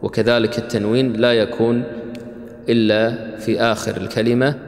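A man teaching a religious lesson. He explains patiently, quizzes his listeners, and chants lines of verse slowly. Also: mid-range voice, flat delivery. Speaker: Quran recitation teacher. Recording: echoey hall.

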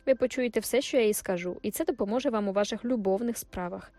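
A woman's voice: mid-range voice, fast, warm tone, soft background music, natural voice. A woman voicing a cocky, careless young sergeant in an audiobook, speaking in a mocking tone. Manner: mocking, offhand. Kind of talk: audiobook character voice.

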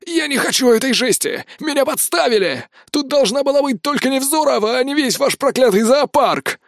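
A man's voice: very high voice, animated, moderate pace, no room sound, studio quality, voice pushed up. A man voicing a dying male mercenary who groans and pleads in an audiobook. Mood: strained. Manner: groaning, pained.

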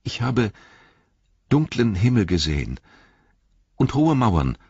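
A man voicing a frightened young male hobbit who stammers and pleads in a shrill voice. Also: lively intonation, measured pace, breathy edge, dry recording, highs cut off. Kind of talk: audiobook character voice.

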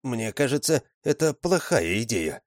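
A man's voice: mid-range voice, big pitch swings, unhurried, dry recording, clean studio sound, pitched above the performer's own voice. A man voicing a timid, anxious young father in a storybook. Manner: timid, worried.

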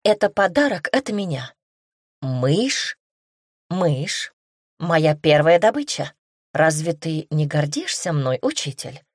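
A woman reading the lines of a playful, coy young woman, a pupil who coaxes and pleads in a slightly brighter voice. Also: low voice, sing-song, slow, breathy edge, no echo, clean studio sound, heavily acted. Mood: coaxing. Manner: playful, coaxing, a bit brighter.

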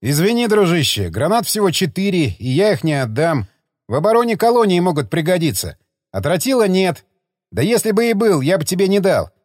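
A man's voice: high-pitched, big pitch swings, fairly quick, darkish tone, no room sound, clean studio sound, pitched above the performer's own voice. A man doing a blunt seasoned soldier. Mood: firm blunt. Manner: blunt, matter-of-fact, raised.

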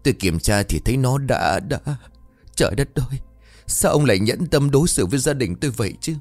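A man's voice: medium pitch, expressive, fairly quick, a little mellow, dry recording, soft background music, pitched above the performer's own voice. A man voicing a grief-stricken older village mother who speaks in a tearful, strained way. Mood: grieving.

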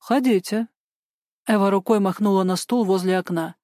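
A woman narrating an audiobook in an even, steady storytelling manner. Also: medium pitch, a little fast, no echo, studio quality. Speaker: audiobook reader. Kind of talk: scripted narration.

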